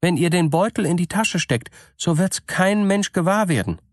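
A man voicing a gullible old-fashioned peasant woman in a fairy tale, high-pitched and trusting. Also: lively intonation, normal speed, dry recording, clean studio sound. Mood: earnest.

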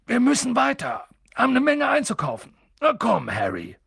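A man voicing a huge, friendly giant who talks low, gruff and clipped, often dropping to a mutter. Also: big pitch swings, unhurried, a bit bright, no room sound, clean studio sound, heavily acted. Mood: brisk.

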